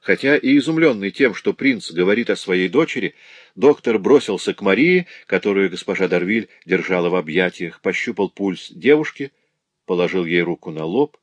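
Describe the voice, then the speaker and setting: A man narrating a classic novel as an audiobook, in a steady, measured reading. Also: low voice, dry recording.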